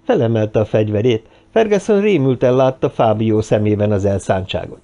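Gravelly, dark-voiced male narrator. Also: lowish voice, expressive, highs cut off. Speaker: audiobook narrator. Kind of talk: scripted narration.

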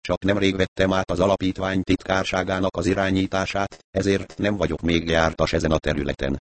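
A man's voice: sits low, level tone, slight background noise, lightly acted. A man reading an audiobook, voicing a fussy, apologetic foundation secretary who is queasy and keeps excusing himself. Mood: flustered. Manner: apologetic, flustered, keeps belching. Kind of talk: audiobook character voice.

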